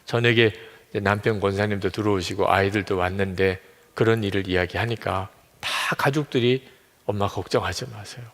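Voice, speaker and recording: A low, gravelly male voice carries a sermon through a church sanctuary, and the words hang in a long reverb. He tells the story in a storyteller's way and acts out each quoted speaker in turn. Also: normal speed, fairly bright tone. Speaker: pastor.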